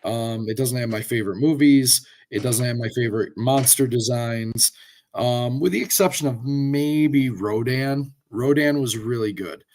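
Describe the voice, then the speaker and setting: A podcast co-host with a mid-range voice, hoarse and rough from a lingering cold, talks at a measured pace in a relaxed chat. He rambles through his opinions, circling back with fillers and restarts.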